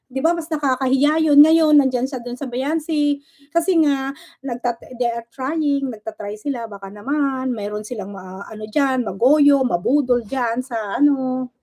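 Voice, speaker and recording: A woman with a high but mellow voice holds forth on her livestream. She is combative and sarcastic, throwing one rhetorical question after another, and drops English words into her talk as she goes. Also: a little slow. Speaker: livestream host. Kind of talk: casual livestream rant.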